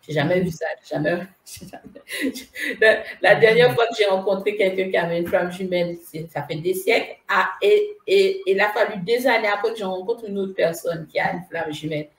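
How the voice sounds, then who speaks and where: Here the spiritual medium guest speaks at a medium pitch and a little quickly, her voice echoing around the room. Chatty and lively, she recounts something from her own life, going over phrases more than once and breaking into laughter.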